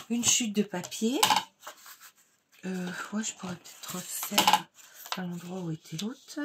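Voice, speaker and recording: Slow, chatty woman demonstrating crafts. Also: medium pitch, a little hiss or hum. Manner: chatty, unhurried, many fillers and "voilà". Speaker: card-making tutorial host. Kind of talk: casual step-by-step craft tutorial.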